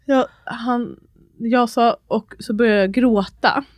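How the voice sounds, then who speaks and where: A woman's voice: a little high, fairly even intonation, a little mellow, no echo, clean studio sound. A woman in her thirties chatting on a podcast, telling a story with lots of laughter and English phrases mixed in. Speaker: podcast co-host. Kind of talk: casual chat.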